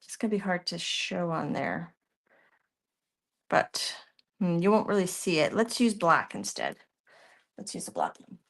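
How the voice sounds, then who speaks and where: Her voice is fairly low, creaky and sing-song, moving at a measured pace with frequent pauses. This Canadian-accented art tutorial host talks through a live demonstration while working, fielding viewer questions. She chats, thinks out loud, and tends to let sentences trail off.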